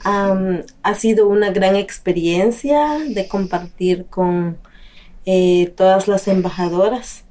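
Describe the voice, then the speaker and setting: A woman from Guatemala with a Guatemalan accent, speaking calmly and with measured hesitations in a short interview. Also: on the low side.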